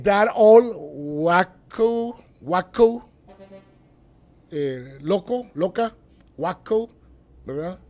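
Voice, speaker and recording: An English pronunciation teacher from Guatemala with a Guatemalan Spanish accent. The teacher explains a point, then models each word and drills phrases through slow repetition. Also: mid-range voice. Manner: switches between explaining and modeling words. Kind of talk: online pronunciation lesson.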